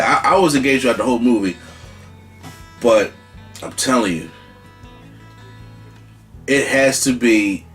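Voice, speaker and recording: On his own channel, a medium-pitched man delivers an excited spoken movie review, often restarting sentences and repeating points for emphasis.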